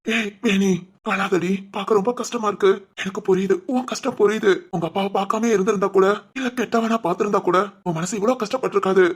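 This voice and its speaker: A woman voicing a gentle, protective young husband in a cartoon family drama, talking softly and comfortingly. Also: medium pitch, steady tone, fast talker, breathy edge, lightly acted. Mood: soothing. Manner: soft, comforting and reassuring.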